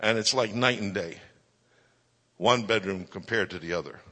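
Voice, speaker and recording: Church announcements come from a jokey man who shares a prayer update and introduces his wife to the congregation. His fairly low voice sounds pushed and bright, at normal speed. He's on a microphone amid church hall reverb.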